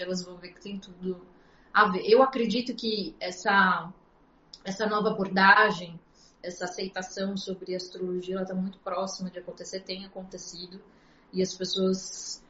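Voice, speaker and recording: A woman's voice: mid-range voice, a bit bright. A woman in a casual interview, earnestly explaining things at a shifting pace. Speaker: astrologer guest. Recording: echoey, dull lo-fi sound.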